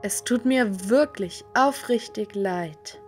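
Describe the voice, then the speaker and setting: A woman voicing a young woman in an animated story who speaks with intense, apologetic force. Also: mid-range voice, slow pace, faint music behind, natural voice. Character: sharp-tongued young woman, repentant.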